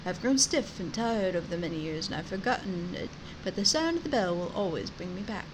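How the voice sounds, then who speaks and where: A woman voicing a weary, courteous old stag, reading game dialogue slowly and formally. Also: on the low side, animated, noisy background, lightly acted. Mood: weary, welcoming. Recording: game music behind.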